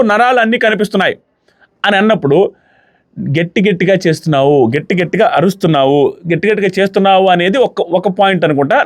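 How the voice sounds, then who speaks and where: A man talks quickly in a bright, high-pitched voice. He comments on a reality show in an animated, argumentative way and acts out what people said. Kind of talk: casual opinion commentary.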